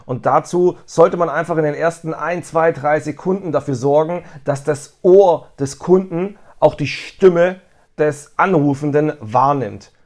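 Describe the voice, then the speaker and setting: A man's voice: fairly high pitch, a little slow, a little mellow. A man giving a telephone sales training talk, explaining step by step and acting out sample greetings with emphasis.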